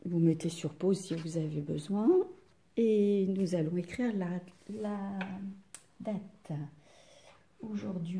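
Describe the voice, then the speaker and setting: A woman leads a spelling lesson for young children, breaking each word into syllables. She speaks very slowly and patiently, in a soft, dark, mellow tone. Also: on the low side. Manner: patient, slow and deliberate, sounds out syllables. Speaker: primary school teacher.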